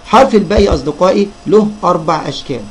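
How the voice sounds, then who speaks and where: Egyptian man drilling letters slowly for kids. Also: sits high, expressive, rough recording. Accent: Egyptian Arabic. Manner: drills sounds slowly, syllable by syllable, addressing children as friends. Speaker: teacher. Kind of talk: narrated children's reading lesson.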